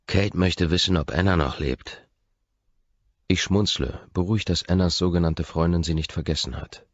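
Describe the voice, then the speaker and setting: A man reading a first-person audiobook narration in a measured, intimate, low-key manner. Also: no room sound, muffled recording.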